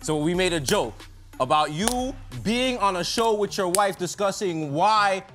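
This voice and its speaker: A man with a high, lively voice trading jokes as a talk show co-host. He sounds mock-exasperated and playful, and soft music runs under the clip. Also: unhurried. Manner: joking, animated, mock-exasperated. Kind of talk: comedic banter.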